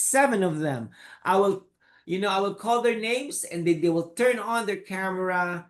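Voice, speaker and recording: A man hosting an online student panel, speaking slowly with repeated prompts and encouragement. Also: high-pitched. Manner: slow, repetitive, encouraging. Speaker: host.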